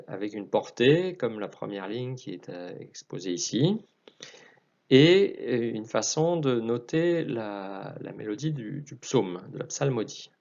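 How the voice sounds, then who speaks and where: A man explaining how to chant psalms, unhurried and hesitant with small restarts. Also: fairly low pitch, vocal fry, a little mellow, lo-fi sound. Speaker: liturgy chant teacher.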